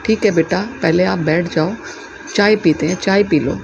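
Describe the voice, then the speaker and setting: A woman telling a devotional story, voicing a wise male holy man who instructs calmly, gently and patiently. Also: on the low side, normal speed. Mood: calm instruction. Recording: muffled lo-fi with clear background noise.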